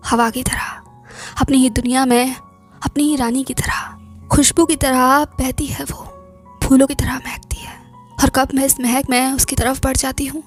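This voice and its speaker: A woman narrating a romantic story aloud in the first person, in a soft, reflective manner that often drops to a whisper. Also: high voice. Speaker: audiobook narrator.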